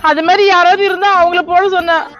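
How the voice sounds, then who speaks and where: Very high, sugary scheming wife, a woman dubbing. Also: flat delivery, fast talker, fairly bright tone, muffled recording, faint music behind. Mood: pleading. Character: sly, fawning young wife. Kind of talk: comic fan dub.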